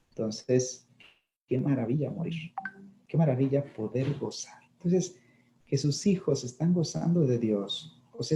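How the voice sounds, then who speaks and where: Middle-aged priest, real mellow low-toned voice, chatty reflective talk, keeps asking "right?". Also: male voice. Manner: reflective, often checks in with listeners with tag questions. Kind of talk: conversational talk on grief.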